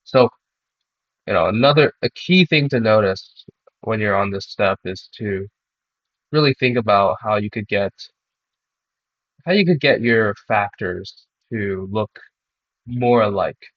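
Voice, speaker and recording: A young man who is sick talks in a monotone, hesitant way, with many pauses and restarts, as he works through a math club problem. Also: lowish voice, no room sound. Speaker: math club student presenter. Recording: dull dry recording.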